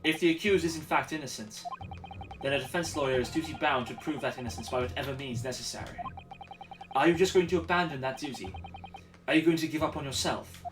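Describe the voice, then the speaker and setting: A man's voice: a little high, fast talker, music in the background, natural voice, low-quality recording. A man voicing an earnest young defense lawyer in a courtroom video game. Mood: determined.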